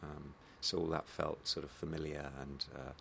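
Very deep, creaky Home Counties man. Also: little pitch movement, normal speed, fairly bright tone, a little hiss or hum. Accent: Home Counties English. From Hertfordshire, England. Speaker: stage actor being interviewed. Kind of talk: reflective interview conversation.

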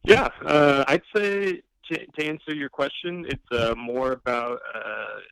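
Man, podcast guest, calm and measured, lots of uhs, smooth clear voice, dry sound. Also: mid-range voice, no echo, rough recording. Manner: calm and measured, many filler pauses. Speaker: podcast guest, league finalist. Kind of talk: casual podcast interview.

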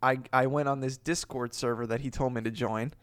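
A man hosting a podcast, chatting casually and rambling through restarts with plenty of swearing. His voice sits at an ordinary pitch and comes across dry and close. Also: fairly even intonation, fairly quick, clear, resonant tone, no room sound. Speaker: podcast host. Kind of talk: casual chat.

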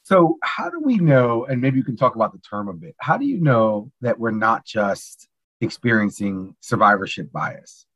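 A man's voice: mid-range voice, big pitch swings, normal speed, a bit bright, no room sound, poor audio. A man hosting a podcast interview, introducing his guest and putting questions. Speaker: podcast host.

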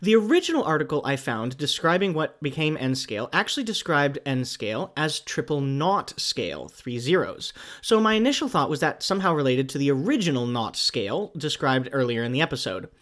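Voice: medium pitch, very animated, a little fast, hardly any pauses, fairly bright tone. An American graduate student in their twenties hosting a hobby podcast, chatting casually with wry, self-mocking asides. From United States. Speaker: podcast host.

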